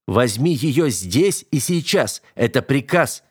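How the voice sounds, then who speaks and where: A man voicing a cruel, arrogant young nobleman who taunts his captive with slow, drawn-out commands in an audiobook. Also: medium pitch, sing-song, husky, dry recording, clean studio sound, pitched above the performer's own voice, full character voice. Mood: sneering. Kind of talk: audiobook character voice.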